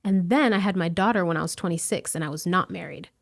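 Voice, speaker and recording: A woman's voice: lowish voice, fast, vocal fry. A woman in her thirties from the United States, a real estate wholesaler, talking casually as an interview guest with plenty of fillers. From United States, raised in Las Vegas. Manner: chatty, relaxed, lots of "like" and "um".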